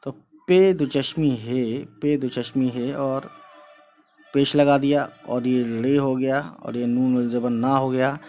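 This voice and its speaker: A man's voice: medium pitch, fairly even intonation, slow pace, dark tone. A man teaching how to write letters and words in a casual online lesson, chatting along as he writes, often repeating filler phrases to his viewers. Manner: chatty, repeats "you know" and "guys", explains while writing. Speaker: Urdu script teacher.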